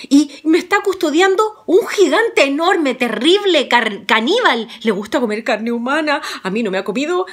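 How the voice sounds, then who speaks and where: A woman voicing a frightened young princess in a high, anxious, excited voice.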